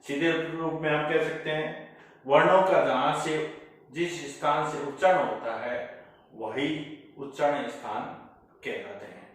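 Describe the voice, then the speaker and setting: Male teacher, slightly high voice, unhurried step-by-step lecture delivery; heavy room echo, mic placed at a distance. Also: a bit bright. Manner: slow, deliberate, spells out each part. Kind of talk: slow classroom lecture. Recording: echoey room, voice far from mic.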